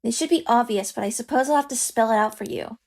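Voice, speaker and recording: A woman's voice: on the high side, fast. A woman voicing a condescending young woman who owns a company and scolds her employee. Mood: scolding. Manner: curt, scolding, superior.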